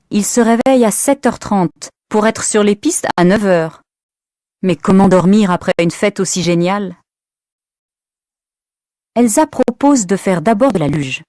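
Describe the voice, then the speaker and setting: A woman reading a children's story aloud at an unhurried pace. Her intonation rises and falls in a lively way, and the sound is dry and close. She reads carefully for learners. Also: mid-range voice, no room sound. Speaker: narrator. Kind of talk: slow, clear storybook reading for language learners.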